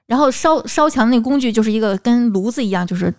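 A woman's voice: on the high side, expressive, fast talker, a little mellow. A woman in casual conversation. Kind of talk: casual chat.

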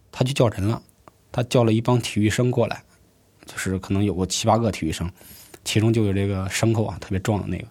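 Low-voiced man. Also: darkish tone, breathy edge. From rural Hebei, China. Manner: unhurried, conversational, with frequent restarts. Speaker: storyteller. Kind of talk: first-person storytelling.

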